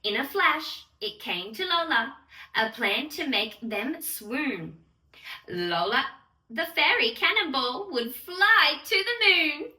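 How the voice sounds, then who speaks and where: Reading a bedtime story for small children, a woman with a very bright, high voice takes an unhurried pace and a theatrical, sing-song, expressive delivery aimed right at her little listeners. A distant microphone captures the echoey room.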